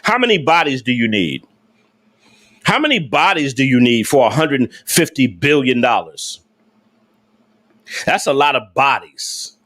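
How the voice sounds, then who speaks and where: Talking casually to viewers on a livestream, a male host uses slangy, informal speech and an emphatic, repetitive delivery, tossing rhetorical questions to chat. His medium-pitched voice is very animated and fairly bright, a little slow, with long pauses.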